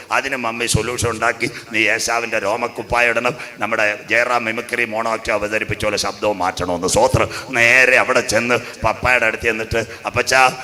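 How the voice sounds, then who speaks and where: A man preaching a sermon in a lowish but bright, forceful voice. He tells the story with humour and then rises into loud preaching. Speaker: pastor.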